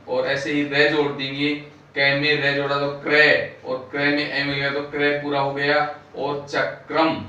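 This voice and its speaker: A man teaching a class, sounding out syllables slowly one by one and explaining the words they build. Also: medium pitch, sharp tone. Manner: slow, drawn-out syllable-by-syllable pronunciation. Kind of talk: classroom lesson. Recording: echoey room, voice far from mic.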